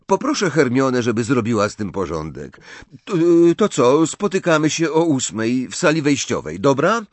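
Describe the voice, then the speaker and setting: A man's voice: medium pitch, big pitch swings, moderate pace, no echo, voice pushed up. A man voicing an awkward, flustered teenage schoolboy wizard who stammers and hesitates.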